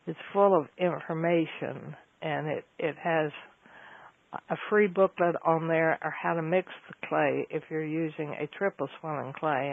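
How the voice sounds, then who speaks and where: On a tinny phone line, a man with a fairly high, creaky voice gives a lengthy casual explanation, rambling with fillers and correcting himself along the way. The recording itself is dry.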